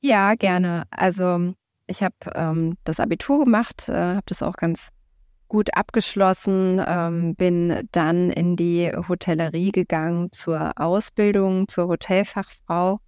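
A woman in her thirties from Berlin, talking casually as a podcast guest, thoughtful and full of filler sounds and pauses. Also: lowish voice, steady tone, a little mellow, smooth, no room sound, clean studio sound. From Berlin, Germany. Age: 30s. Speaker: podcast guest, real estate investor. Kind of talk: casual interview talk.

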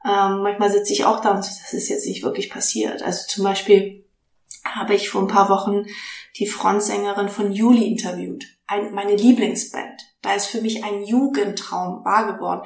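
A woman telling stories in a casual interview, animated and excitable. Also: medium pitch, normal speed, vocal fry. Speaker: interview guest, podcaster. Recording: echoey room.

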